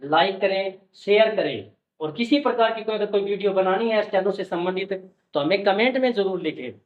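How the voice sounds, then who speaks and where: A man's voice: sits high, brisk. A man teaching stenography shorthand, explaining step by step and patiently repeating his checks with the learner. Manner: patient, repeats "okay" and "look carefully" often. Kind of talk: classroom-style explanation. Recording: echoey, distant, dull sound.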